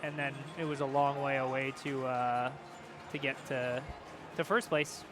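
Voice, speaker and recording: A man giving casual, chatty live commentary on a pinball tournament, self-deprecating and quick to laugh. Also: medium pitch, flat delivery, over music. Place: pinball arcade bar.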